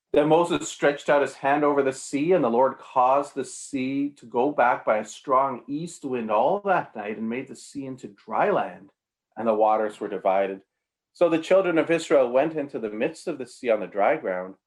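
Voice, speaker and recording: A man delivering an apologetics sermon at an ordinary middle pitch. He argues with emphasis, jumping up in pitch on key words. His pace shifts between quick runs and slow, drawn-out phrases. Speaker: preacher.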